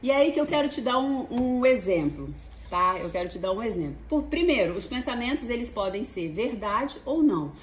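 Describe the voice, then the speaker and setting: A Brazilian woman hosting a casual advice talk, chatty and animated, talking straight to her viewers. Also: fairly high pitch, moderate pace, slight background noise. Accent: Brazilian Portuguese. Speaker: host. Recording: echoey room.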